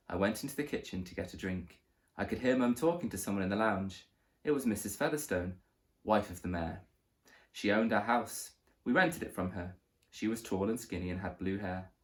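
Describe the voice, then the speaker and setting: A man reading a children's story aloud as narrator, with lively, expressive storytelling. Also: lowish voice.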